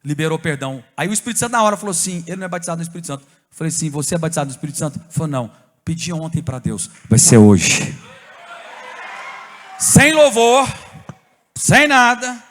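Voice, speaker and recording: A Brazilian man preaching a sermon as a pastor, telling a story with animated bursts and shouts. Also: on the high side, fast talker, big-room sound. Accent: Brazilian Portuguese.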